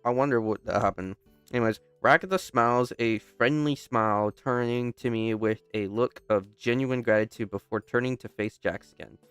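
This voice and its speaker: A man's voice: medium pitch, normal speed, fairly bright tone, clean tone, no room sound, faint music behind. A young man reading a story game aloud, casually stopping to joke and restart lines. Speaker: gamer. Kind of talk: casual let's-play narration.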